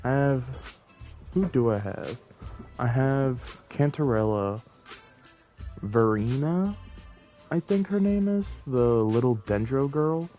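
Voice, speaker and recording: Speaking slowly with frequent pauses, a man in a mid-range, warm voice talks animatedly on a game livestream. The sound is lo-fi, with game music underneath as he rambles and thinks out loud.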